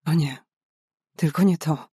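A driven young woman doctor fighting to save a life, urgent and raw with emotion, as a male narrator puts her on. The voice sits a little high and the sound is dry and close, with no room around it. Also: measured pace, dark tone, breathy edge, dry recording. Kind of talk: audiobook character voice.

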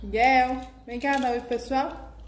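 Young woman vlogger, high bright voice, bubbly, coaxing kids; echoey room, noisy background. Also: steady tone, unhurried. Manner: bubbly, coos and sing-songs to small children. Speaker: vlogger host. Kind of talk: casual home vlog. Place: home.

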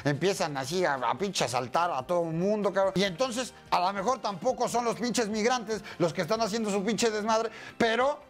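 A young man with a Mexican accent and a high voice rants through comedic news, crude and profane at every turn. He jokes constantly and slips into quick voices, with faint music running under him. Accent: Mexican Spanish. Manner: crude, profane, joking, puts on many voices. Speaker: masked comedy news host.

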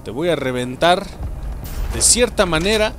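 A man's voice: a little high, expressive, unhurried, fairly bright tone, a little hiss or hum. A man with a Mexican accent putting on a brash male warrior taunting a foe, in a mock-menacing, coarse way. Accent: Mexican Spanish.

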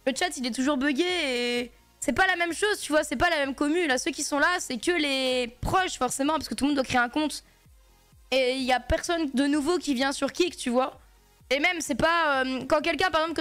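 A woman's voice: high voice, fairly bright tone. A woman streaming a game, chatting loosely with her viewers in slangy talk while she plays. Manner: chatty, slangy, talks to chat while playing. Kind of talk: casual gaming stream chat.

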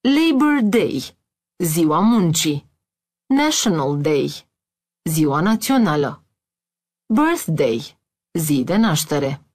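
A woman reads a language lesson in a lowish voice that rises and falls a lot. She says each word slowly and clearly, with a pause after each one. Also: sing-song, a little mellow. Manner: slow, deliberate word-by-word reading with pauses; reads English words then Romanian translations. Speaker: language teacher. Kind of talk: scripted audio lesson.

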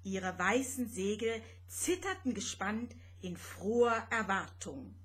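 A woman reading her own children's story aloud in a gentle, expressive way. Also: medium pitch, slow, husky.

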